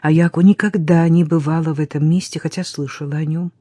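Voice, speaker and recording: Calm audiobook narrator, husky warm voice, dry close mic. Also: medium pitch, dry recording. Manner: calm, measured storytelling with hushed dips.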